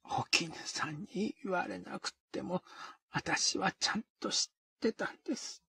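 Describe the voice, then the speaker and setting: A man voicing a bedridden, dying woman who speaks slowly and listlessly in a dry, rasping half-whisper. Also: sits high, bright, forceful tone, no echo, pitched above the performer's own voice, exaggerated voice. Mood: weary pleading. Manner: slow, listless, pleading.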